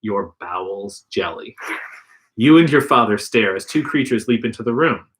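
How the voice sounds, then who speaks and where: A man with a lowish, fairly bright voice and lively intonation reads an interactive gamebook on a livestream podcast mic at normal speed, with slight background noise. Narration comes out plain, while dialogue gets character voices.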